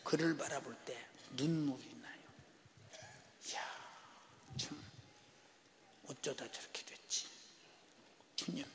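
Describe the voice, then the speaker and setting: A man preaching an emotional church sermon. He swings between hushed whispers and loud shouts and keeps tossing rhetorical asides to the congregation. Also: medium pitch, slow pace, pauses often, background noise. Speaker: pastor. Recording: long church hall reverb.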